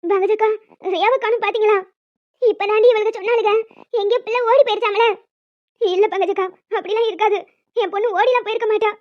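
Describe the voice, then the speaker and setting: A woman voicing several emotional village women and a young daughter in a cartoon, fast and dramatic, scolding and tearful. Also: extremely high pitch, steady tone, dry recording. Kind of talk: cartoon voice acting. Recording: dull, dry lo-fi recording.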